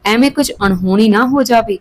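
A woman's voice: on the high side, fairly quick, natural voice, low-quality recording. A woman voicing an old father who scolds his family, stern and angry, in a storybook reading. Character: old father, proud, angry, protective of daughter-in-law.

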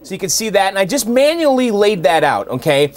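A man's voice: sits high, very animated, a little fast, noisy background. A man hosting his own channel, casually walking through how he built a song at his home studio computer, chatty and full of fillers and restarts. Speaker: channel host. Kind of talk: casual walkthrough and tutorial. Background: his synth tracks playing clearly.

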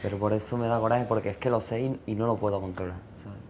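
A young man, a singing contestant, talking shyly and haltingly with many fillers. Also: on the low side, fairly even intonation, slight background noise. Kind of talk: casual chat and singing. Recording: roomy echo, long reverb, loud music.

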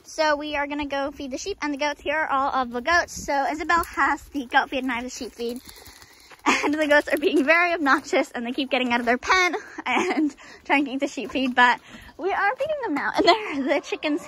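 A woman's voice: sits high, a bit bright, a little hiss or hum. A teenage girl casually narrating a farm vlog on a handheld phone, chatty and giggly with lots of ums. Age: teens. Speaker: vlogger. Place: outdoors on a farm, barns and pens. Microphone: handheld phone camera.

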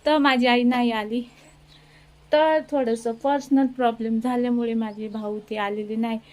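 A woman's voice: on the high side, fairly even intonation, moderate pace. Chatty woman vlogging outdoors on a phone. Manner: chatty, keeps pointing things out to viewers. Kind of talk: casual vlog narration. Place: outdoors at a village home by a wood stove. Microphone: phone camera.

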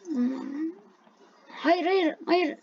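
A high-voiced woman streaming a game live, narrating each move in an excitable, easily frustrated way and repeating her complaints. The audio is dull and lo-fi, like a home stream. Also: drawn-out words. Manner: excitable, frustrated, repeats herself while playing. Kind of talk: live gameplay commentary.

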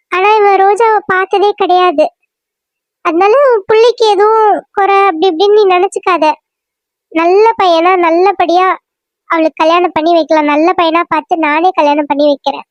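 A woman voicing a patient, soothing mother-in-law in a cartoon serial, reasoning calmly with a Kanyakumari Tamil accent. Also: extremely high pitch, no echo. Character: mother-in-law, calm, soothing visiting relative.

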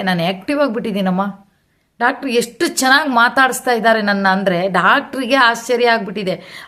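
Woman, devotional vlogger, earnest personal testimony, repeats herself, mid pitch. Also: a bit bright. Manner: earnest, repetitive, addresses listeners as amma.

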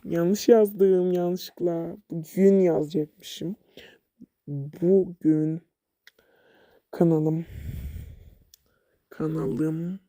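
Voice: medium pitch, dark tone, no echo, studio quality. A game vlogger giving casual gameplay commentary, chatty and talking back at the game, sometimes dropping to a mutter.

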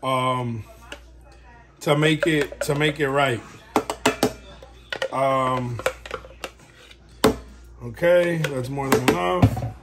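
A man's voice: medium pitch, extremely slow, long pauses. Guy rambling thru a home vlog while he works, mid voice, noisy recording. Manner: rambling and chatty, talks while working. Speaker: dog breeder. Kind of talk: casual how-to vlog.

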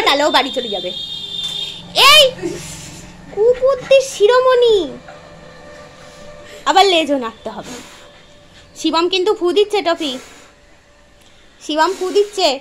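A woman's voice: very high voice, moderate pace, long pauses, fairly bright tone, slight background noise. A woman filming her dog at a family home, coaxing and teasing it and talking to it like a child. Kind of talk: casual chat to her dog.

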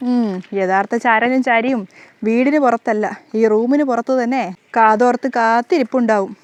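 A woman voicing a sharp-tongued young wife who mocks and argues back with quick retorts, in a storybook retelling. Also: fairly high pitch, fairly even intonation, lightly acted. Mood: teasing.

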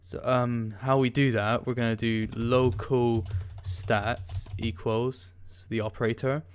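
Smooth and clean, this man's medium-pitched voice has a flat, unhurried delivery as he hosts a screen-recorded coding tutorial. He's casual and hesitant, full of ums and restarts while typing, with faint keyboard clacking in the background.

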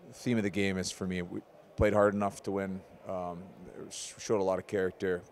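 In an arena corridor, a head coach in his forties gives a measured, analytical postgame interview into a handheld mic, saying "um" often. His voice is low and darkish, with little pitch movement.

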